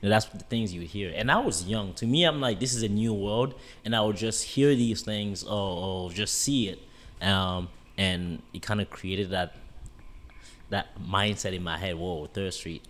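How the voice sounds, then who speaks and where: A man in his twenties from Cameroon, a guest on a podcast telling stories in lively casual talk. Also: fairly low pitch, moderate pace. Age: 20s. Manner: animated storytelling, lots of "you know". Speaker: guest, bodybuilding coach. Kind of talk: casual interview chat.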